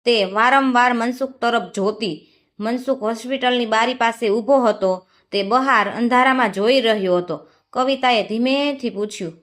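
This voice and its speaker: A woman reading an emotional village story aloud, gently voicing every part herself. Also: a little high. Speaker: narrator. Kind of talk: storybook narration.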